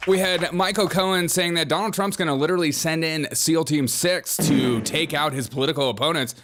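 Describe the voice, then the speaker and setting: A man's voice: a little high, a little fast. Sarcastic male political commentator. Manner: sarcastic and mocking, energetic. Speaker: host.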